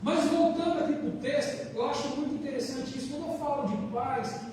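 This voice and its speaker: A Brazilian man preaching a sermon, telling a personal story in an earnest, animated way with changing volume. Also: extremely high pitch, fairly quick. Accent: Brazilian Portuguese. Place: church hall. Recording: echoey church hall, mic far off, faint noise.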